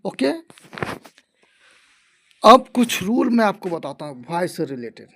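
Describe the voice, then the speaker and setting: A man gives an online grammar lesson at an unhurried, deliberate pace. He circles back over every point, repeating key terms. He reads his example sentences out slowly, word by word. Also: high voice, big pitch swings, bright, forceful tone, slight background noise. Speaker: English grammar teacher.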